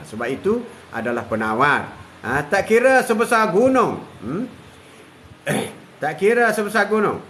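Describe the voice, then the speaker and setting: Older preacher, repeats himself. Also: male voice, sits high, fairly bright tone, slight background noise. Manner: repetitive, drawn-out, punctuated with "ha" and chuckles. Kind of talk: live religious talk.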